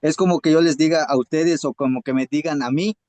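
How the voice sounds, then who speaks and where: A man's voice: on the high side, steady tone, a little fast, darkish tone, dry recording, rough recording. Emphatic Yucatecan Mexican man. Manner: repeats and restarts words, rising to emphatic bursts. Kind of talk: motivational group talk.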